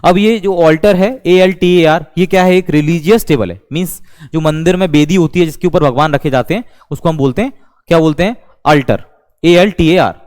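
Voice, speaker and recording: A man's voice: fairly high pitch, a little fast, a little mellow, in a large hall. A man with an Indian accent teaching English vocabulary in a lecture, repeating terms as he explains. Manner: repeats words, mixes Hindi and English.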